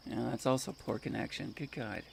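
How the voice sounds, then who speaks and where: A man's voice: mid-range voice, brisk, creaky, a little hiss or hum. A man casually commenting on his game and muttering complaints about lag and connection trouble. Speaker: gamer streaming a solo playthrough.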